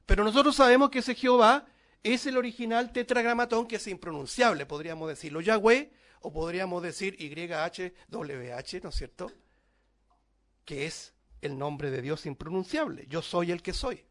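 A man preaching a sermon to his congregation, lifting his voice on key words and dropping to a hush at the ends of phrases. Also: high-pitched, normal speed. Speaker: pastor.

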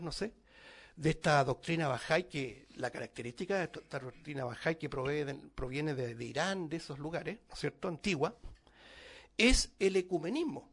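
A man preaching a sermon to his congregation, lifting his voice on key words and dropping to a hush at the ends of phrases. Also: fairly high pitch. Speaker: pastor.

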